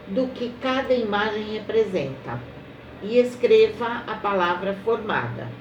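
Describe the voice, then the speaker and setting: In a recorded remote lesson, a Brazilian Portuguese woman who teaches primary school patiently dictates words to young children, slowly and one at a time, explaining each step and frequently asking "tá?". Her voice is mid-range, and the audio is dull, roomy, slightly distant and faintly noisy.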